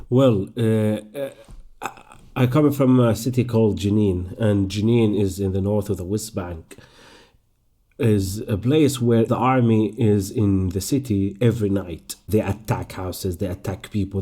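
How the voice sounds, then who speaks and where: A young Palestinian man with an Arabic accent, an actor speaking thoughtfully in an interview, with some halting restarts. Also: fairly low pitch, steady tone, dark tone, breathy edge. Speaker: actor and performer. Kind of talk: interview conversation.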